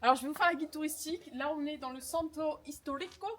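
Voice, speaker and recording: A faint hiss or hum accompanies this high-pitched, fast, fairly bright voice of a young French travel vlogger. Talking casually to her handheld camera outdoors and in a lakeside hotel room, she bubbles along with many "euh" and enthusiastic cries of "trop bon."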